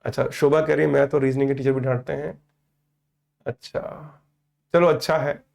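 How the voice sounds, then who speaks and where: Gravelly-voiced teacher man in his fifties. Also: medium pitch, flat delivery, moderate pace, darkish tone. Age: 50s. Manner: chatty, teasing, calls students beta. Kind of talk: online class chat with students.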